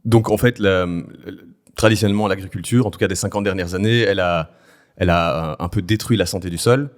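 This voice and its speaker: A podcast host introduces his show and then questions a guest in an interview, somewhat hesitantly. He speaks a little fast in a low-pitched voice.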